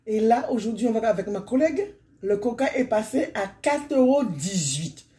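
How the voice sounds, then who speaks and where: A hoarse, middle-aged woman from Guadeloupe chatting casually in a vlog, rambling and often wrapping up her points. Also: fairly high pitch, lively intonation, moderate pace, mellow. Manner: chatty and rambling, often sums up with "donc voilà". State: hoarse from illness. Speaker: vlogger.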